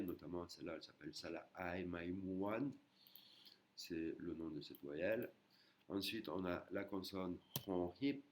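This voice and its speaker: A man's voice: low voice, slight background noise. A man teaching an online language lesson, patiently repeating and breaking words into syllables.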